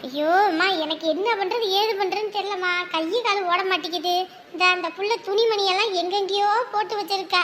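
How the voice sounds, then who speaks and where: A woman's voice: very high voice, fairly quick, a bit bright, slight background noise. An actress playing a fussing, scolding mother of the bride. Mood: flustered. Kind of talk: village family drama.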